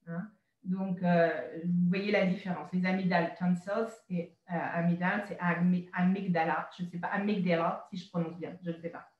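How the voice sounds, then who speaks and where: A woman teaching vocabulary slowly, repeating each word and adding short hesitant asides. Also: fairly low pitch, fairly even intonation, reverberant, dull audio. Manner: repeats words twice, adds short asides and hesitant fillers. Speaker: French teacher.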